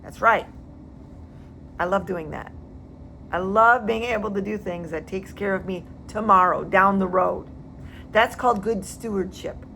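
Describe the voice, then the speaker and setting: A woman's voice: medium pitch, measured pace, gravelly, long pauses, sharp tone, slight background noise. A woman real estate agent giving casual advice, emphatic and repeating words for stress.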